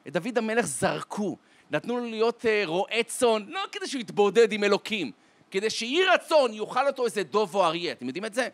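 A rabbi giving an inspirational holiday talk as a dramatic storyteller, slowing down to stretch his words for emphasis. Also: very animated, no echo. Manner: dramatic storyteller with wide swings in pitch and loudness; slows to a drawn-out, deliberate delivery for emphasis. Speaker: rabbi and lecturer.

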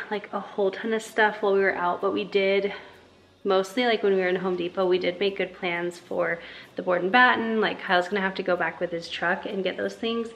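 In her home kitchen, a young family vlogger chats casually to a handheld camera held at arm's length, scattering little fillers through her talk. Her voice is on the low side, gravelly and a bit bright, with lo-fi sound.

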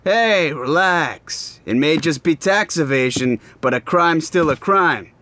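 An actor playing a dry, teasing detective with a dogged edge. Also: male voice, a little high, animated, takes it slowly, sharp tone, full character voice. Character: wry, dogged male detective hunting a killer. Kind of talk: video game voice acting.

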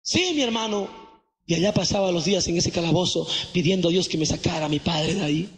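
A man's voice: high-pitched, fast talker. A man giving an impassioned evangelist's testimony, calling the listener brother. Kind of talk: emotional testimony. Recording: echoey hall.

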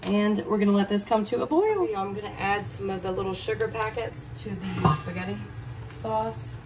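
Working from a hotel room, a woman who vlogs about cooking walks viewers through each step of a recipe in a chatty way. She speaks at a normal speed in a mid-range voice, and the faraway mic captures plenty of room sound.

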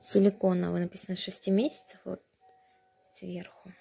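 A woman's voice: mid-range voice, fairly even intonation, normal speed, dark tone, breathy edge, faint music behind. A young woman talking casually as a vlogger while showing purchases at home on a handheld phone. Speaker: vlogger, mother of a baby. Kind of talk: casual unboxing vlog chat. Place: indoors at home, tiled and wooden floors. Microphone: handheld phone behind the camera.

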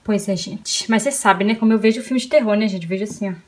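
A young Brazilian woman chatting loudly in a casual home vlog, often shouting at her dogs and baby. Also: medium pitch, fast, slight background noise. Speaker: vlogger. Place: family home indoors.

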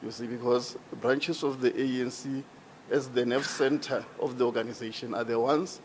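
A man's voice: mid-range voice, fairly even intonation, moderate pace, slight background noise. A man with a South African accent, a regional party executive, explaining procedure formally into a handheld mic in a large hall. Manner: formal, explanatory, rising emphasis. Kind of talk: town hall debate answer. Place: large indoor hall with seated audience. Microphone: handheld microphone.

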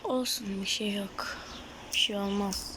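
A woman giving live gameplay commentary on her gaming channel, excitable, shouting at opponents and then dropping to a murmured whisper. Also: mid-range voice, measured pace, noisy background.

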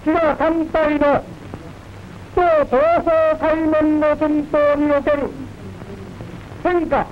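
A man reading an official war bulletin in a stiff, measured way, pausing between each item, heard as an old archival broadcast recording. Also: very high voice, level tone. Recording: dull lo-fi archival broadcast with faint hiss.

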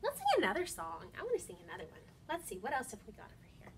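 A woman in her thirties hosts storytime for young children, singing songs and reading aloud in an encouraging, child-directed way. Her fairly high voice swings hugely in pitch and moves very fast. A camera mic records her indoors by large windows, with slight background noise.

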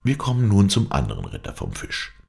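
A man reading a fairy tale aloud, expressive and dramatic. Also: low voice, brisk, gravelly. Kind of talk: storybook narration.

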